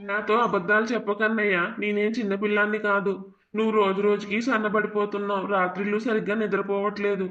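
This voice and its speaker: A man's voice: sits high, little pitch movement, fast, fairly bright tone, dull audio. A man voicing an earnest, worried younger brother in a cartoon family drama, asking question after question. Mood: concerned.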